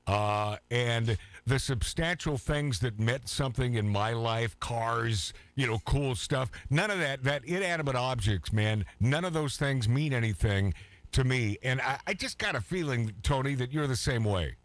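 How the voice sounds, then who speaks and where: A man's voice: medium pitch, lively intonation, unhurried, dry recording. Teasing male radio host. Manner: joking, teasing. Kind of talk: radio interview.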